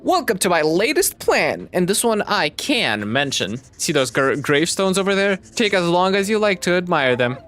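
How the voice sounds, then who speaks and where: A man voicing a scheming, grandiose cartoon villain from game dialogue, with slow, theatrical menace. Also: sits high, big pitch swings, fairly bright tone, faint music behind, voice pushed up. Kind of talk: reading game dialogue aloud.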